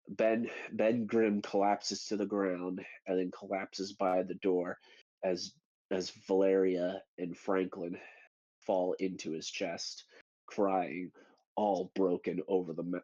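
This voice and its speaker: A man hosting a book club chat, retelling the story in a loose, animated way and acting out quoted lines with sudden high bursts. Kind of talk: casual chat. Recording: dull lo-fi audio.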